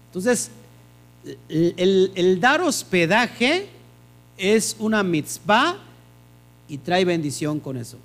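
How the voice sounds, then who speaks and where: A man's voice: sits high, lively intonation, slow, pauses often, a bit bright. A man teaches a Bible study group, firing questions at his listeners and answering them himself.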